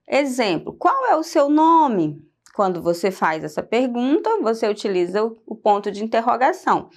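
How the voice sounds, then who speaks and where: A woman teacher with a Brazilian Portuguese accent, patiently explaining punctuation to young pupils and often checking with short questions. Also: fairly high pitch. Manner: patient, repeats and checks with "né?" and "certinho?". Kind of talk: explaining a grammar lesson to children.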